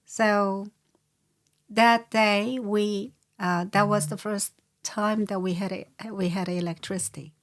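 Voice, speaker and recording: An older Korean-accented woman speaks as an interview guest, unhurried and halting, stopping often to search for words. Her voice sits at a middle pitch, and she talks at a slow, careful pace. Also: fairly even intonation. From South Korea. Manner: slow, hesitant, many pauses and fillers. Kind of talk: casual interview.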